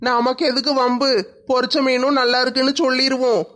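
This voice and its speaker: A woman's voice: sits high, flat delivery, brisk, fairly bright tone, pitched below the performer's own voice. A woman voicing a meek young husband stuck between his wife and his mother, muttering fretfully.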